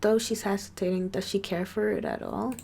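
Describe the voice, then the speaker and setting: A woman's voice: medium pitch, huge pitch swings, fairly quick, creaky, darkish tone, husky. Stumbling amateur woman story reader. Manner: stumbles and restarts words, breaks in with casual asides. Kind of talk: amateur reading of a first-person story.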